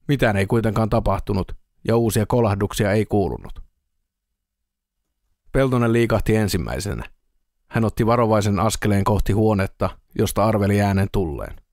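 A man narrates an audiobook in a steady, even storytelling manner. His voice sits low, and the recording is dry and close to the mic. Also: dry recording. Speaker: audiobook reader.

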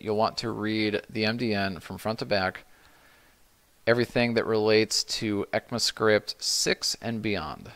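A middle-aged man hosting a live stream, answering viewer questions in a relaxed, rambling way with many restarts. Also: on the low side, clean tone. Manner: relaxed, rambling, frequent restarts and "you know". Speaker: livestream host answering chat questions.

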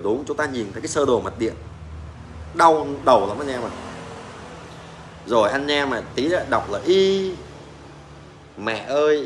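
Blunt, mocking mechanic. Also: male voice, medium pitch, a little hiss or hum. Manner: blunt, mocking, swears and laughs often. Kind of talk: casual rant to fellow mechanics.

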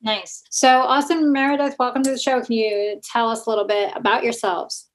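A woman's voice: a little high, steady tone, a little fast. Upbeat woman hosting a podcast. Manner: upbeat, welcoming. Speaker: podcast host. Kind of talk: interview hosting.

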